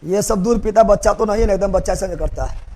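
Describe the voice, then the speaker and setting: High-voiced man drilling a history class. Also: fast, vocal fry, mellow. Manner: drills facts by repetition, quizzes students. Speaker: teacher.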